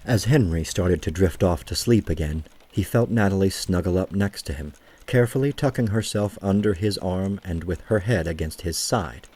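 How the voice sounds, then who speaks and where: An audio drama narrator with a very low, mellow voice tells a scripted story. His tone is dark and husky, and his delivery is measured and gentle.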